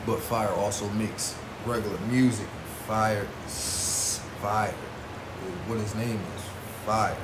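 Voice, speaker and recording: A man reviewing battle rap artists on his vlog speaks slowly in a lowish, steady voice. He keeps things informal and slangy, repeating himself for emphasis, over an echoey room sound with clear background noise.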